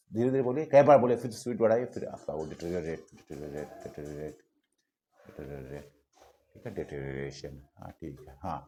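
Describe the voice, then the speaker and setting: A man's voice: lowish voice, dark tone. A male physics teacher, lecturing a class in a chatty way, repeating words and asking students questions.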